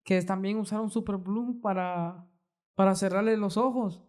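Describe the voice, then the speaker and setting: A podcast host, chatting casually with a guest, hedging and adding quick asides. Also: mid-range voice, fairly even intonation, a little mellow. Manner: conversational, hedging, fast asides. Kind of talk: casual interview chat.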